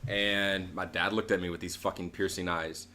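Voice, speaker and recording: A man with a lowish voice telling a story in relaxed podcast chat. He talks in an easygoing, crude way, pausing with fillers as he remembers. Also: slight background noise. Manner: laid-back storytelling, crude language. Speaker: podcast co-host. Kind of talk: casual chat.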